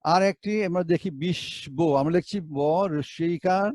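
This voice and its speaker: A man's voice: high-pitched, normal speed, a little mellow, no echo. A male teacher giving a Bengali pronunciation lesson, spelling words out letter by letter and asking rhetorical questions.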